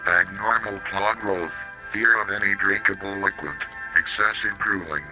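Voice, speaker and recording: A robotic, mechanical text-to-speech voice, male and sitting low with a steady tone, narrates a scripted analog horror public-safety warning tape, mispronouncing some words oddly. The recording is low in quality, with slow music in the background.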